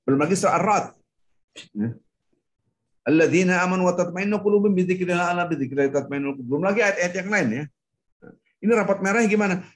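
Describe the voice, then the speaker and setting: A man's voice: quick pace, long pauses. A man giving a casual, joking Islamic lecture over a video call, acting out the people he quotes. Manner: lively, jokey, acts out quoted people with sharp pitch jumps. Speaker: ustadz, religious teacher.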